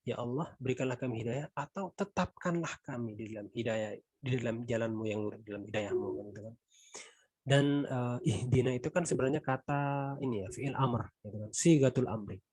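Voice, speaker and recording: A man with an Indonesian accent teaching a relaxed, conversational Quran exegesis lesson, tagging phrases and trailing off softly. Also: mid-range voice, fairly quick, husky, dry recording. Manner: conversational, frequent "gitu kan" tags, trailing softly. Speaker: religious teacher.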